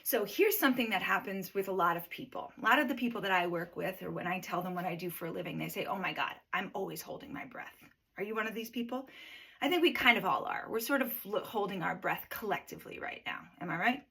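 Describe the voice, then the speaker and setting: Breathwork teacher, female, husky tone, chatty coaching delivery. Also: medium pitch, quick pace, pushed and bright. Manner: conversational, coaching, checks in with "right?". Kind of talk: guided breathing lesson.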